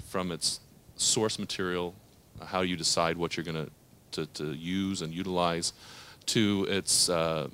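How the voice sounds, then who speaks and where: A man moderating a live interview on a theater stage, with a measured, announcer-like delivery. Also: deep voice, pushed and bright, a little hiss or hum.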